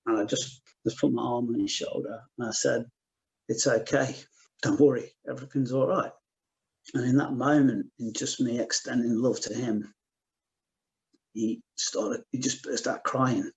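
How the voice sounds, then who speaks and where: A middle-aged man giving a gentle personal testimony at a spiritual meeting, circling back and repeating himself as he speaks. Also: mid-range voice, fairly even intonation, moderate pace, rough recording. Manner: soft-spoken, many restarts and repeated "just". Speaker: guest speaker.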